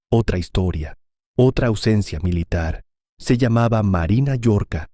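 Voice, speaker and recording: Calm man narrating. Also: fairly low pitch, no room sound, studio quality. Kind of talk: scripted first-person story narration.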